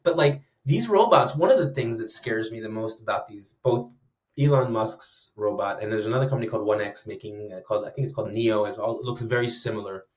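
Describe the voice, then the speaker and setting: A man in his thirties talking in an animated, rambling way, with many "like"s and restarts, in a casual podcast chat. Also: on the low side, brisk. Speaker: guest speaker on conversation design.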